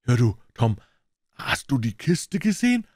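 A man's voice: medium pitch, sing-song, unhurried, darkish tone, dry recording, studio quality, pitched above the performer's own voice. A man voicing a nervous, timid boy who asks anxious, hesitant questions.

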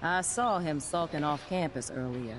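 A woman voicing an earnest, caring science teacher in a video game, speaking in a measured, explanatory way. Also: low voice, a crowd in the background, close to an everyday voice. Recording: game audio under a livestream, with background noise.

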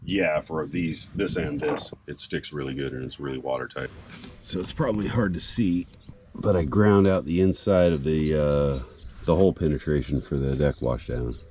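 A middle-aged man casually explaining a boat project outdoors in a sailboat cockpit, relaxed and rambling with frequent fillers. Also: extremely low pitch, moderate pace. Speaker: sailboat owner and vlogger. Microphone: camera on a mount a few feet away. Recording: outdoor recording with background noise.

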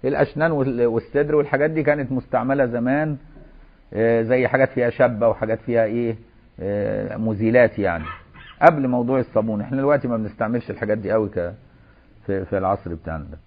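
An Egyptian-accented man teaches at a quick clip, reciting a formal text and then breaking into chatty colloquial asides. His voice comes through a thin, phone-like recording with little low end. Mid-pitched and steady, he sounds like a religious teacher working through a lesson. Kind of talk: reading a classical text aloud and explaining it.

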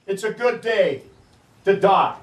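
A man's voice: high-pitched, takes it slowly. Sitting Bull, a man crying out as a war chief. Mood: rallying. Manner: loud rousing battle cry. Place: outdoor battlefield site. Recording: echoey, distant from mic, faint noise.

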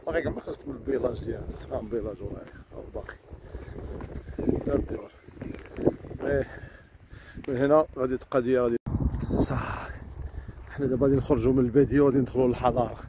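A man's voice: mid-range voice, very fast, pauses often. A man with a Moroccan accent, chatting casually to his viewers as he walks along a cold, windy road. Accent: Moroccan Darija. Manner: chatty, talks to viewers while walking. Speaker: vlogger. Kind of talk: casual walking vlog. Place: outdoors on a country road in the cold wind.

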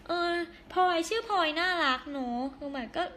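A hoarse young woman chatting casually on a live stream, giggling and reading viewer comments aloud. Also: very high voice, expressive, moderate pace, fairly bright tone, a little hiss or hum.

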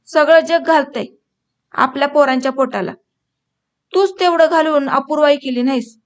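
A woman's voice: high voice, moderate pace. A woman reading the lines of a stubborn teenage village boy who defies his father in a storybook. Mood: defiant. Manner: stubborn, defiant. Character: defiant teenage village boy determined to study.

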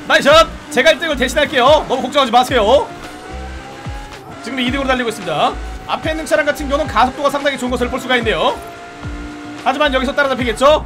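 A man giving excited, playful commentary while reviewing a car in a racing game, shouting at rival cars. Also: very high voice. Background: background music and engine sounds.

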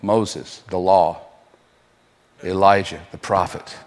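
A man preaching a sermon, asking the crowd rhetorical questions and leaving dramatic pauses. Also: deep voice, fairly even intonation, long reverb tail. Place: church hall.

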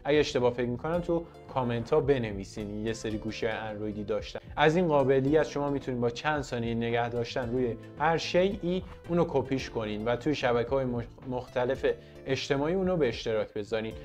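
A man's voice: medium pitch, a little mellow, faint music behind. A man presenting a casual tech tutorial in a chatty, playful way, talking to his viewers as friends. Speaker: tech vlogger.

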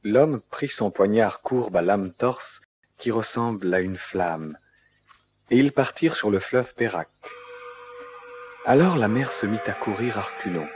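A man narrating a fairy tale in a measured, storybook manner. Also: lowish voice, animated. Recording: loud music behind the voice.

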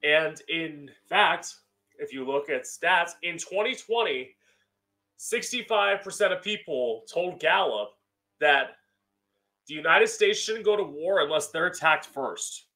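A male drag queen host with a slightly high, bright and forceful voice. He speaks in a campy, opinionated way, delivering an emphatic solo monologue close to a studio mic at home. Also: lively intonation, unhurried, rough recording. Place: small room at home, indoors. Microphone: close studio mic on boom arm with pop filter.

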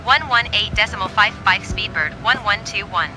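A man playing a flight sim makes pilot radio calls on a headset mic, giving crisp, clipped readbacks in aviation phraseology. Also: sits high, moderate pace, over music, low-quality recording.

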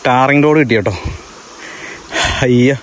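A man's voice: medium pitch, normal speed. A man with a Kerala accent narrating a casual travel vlog, mixing English words into his Malayalam. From Kerala, India. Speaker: travel vlogger. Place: outdoors on a hill path. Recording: noisy outdoor handheld recording.

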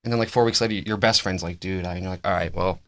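A man's voice: low voice, fairly even intonation, very fast, sharp tone, dry recording. A man co-hosting a podcast in casual chat, easygoing and rambling, acting out quotes. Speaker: podcast co-host.

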